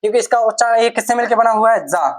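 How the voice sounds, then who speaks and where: A man teaching a class, dictating notes in slow, repeated phrases and asking questions that he answers himself. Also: extremely high pitch. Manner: dictates slowly, repeating words for students to note down. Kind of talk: classroom lecture.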